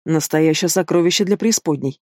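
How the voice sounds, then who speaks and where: Booming feathered male demon, rowdy and teasing, dry close read by an audiobook reader. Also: brisk, a little mellow, no room sound, lightly acted. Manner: booming, roaring with laughter. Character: loud brash winged male demon, boisterous, teasing. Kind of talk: audiobook character voice.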